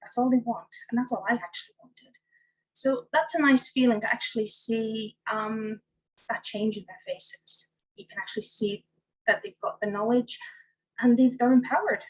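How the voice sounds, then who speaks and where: A woman's voice: fairly high pitch, fairly even intonation, normal speed, breathy edge, rough recording. A woman life coach answering interview questions, telling stories by acting out what she said to her clients. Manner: tells stories by acting out her own past dialogue.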